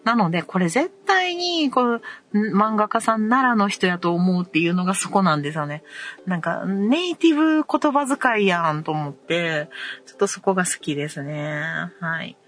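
A woman in her forties with a Nara Kansai accent, hosting a casual chat show and reading listener messages, relaxed and full of pauses and fillers. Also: fairly low pitch. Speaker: podcast host.

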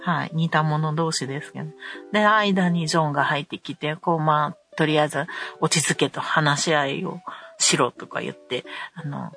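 A middle-aged woman with a Kansai accent, hosting a podcast and telling a story in a casual, animated way. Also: deep voice, moderate pace, soft background music. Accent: Kansai Japanese. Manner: animated storytelling, acting out quarrels. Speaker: podcast host.

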